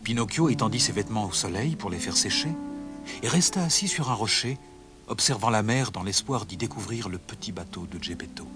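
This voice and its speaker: A male narrator reading a children's storybook with dramatic expression. His pitch rises and falls in a lively way. Music plays clearly beneath the reading. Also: fairly quick.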